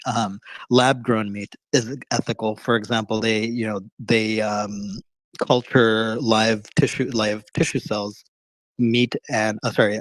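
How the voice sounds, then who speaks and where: A man debating casually on an online voice call, halting and often rephrasing his points. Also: lowish voice, dry recording, low-quality recording. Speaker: debater on a live call-in show.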